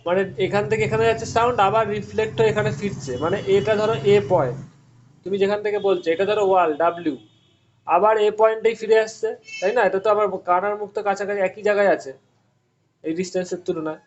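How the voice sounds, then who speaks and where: A man's voice: sits high, quick pace, dull audio. A male physics teacher giving an online class, explaining step by step and often stopping to quiz his students.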